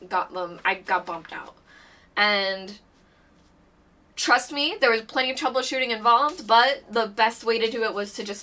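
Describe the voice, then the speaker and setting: A woman chatting excitedly on a board game live stream, bubbly and rambling, a little out of breath. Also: mid-range voice, recorded from a distance. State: a bit out of breath. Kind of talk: casual live-stream chat.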